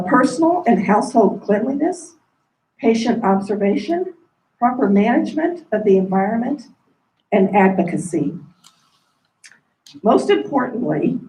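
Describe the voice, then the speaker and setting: A woman giving a formal, measured welcome speech as a dean, her voice coming through a face mask. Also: mid-range voice, dark tone. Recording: roomy echo, distant mic.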